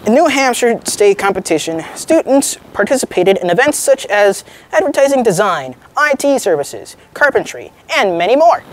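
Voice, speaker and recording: A teenage female student anchor reading a mock newscast script in an informal, halting way with chatty asides. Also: a little high.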